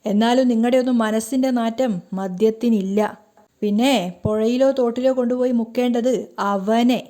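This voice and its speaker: A woman's voice: fairly high pitch, fairly even intonation, moderate pace, dark tone, natural voice. A woman voicing a bitter, drunk young man who taunts his family, in a sneering way. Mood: taunting.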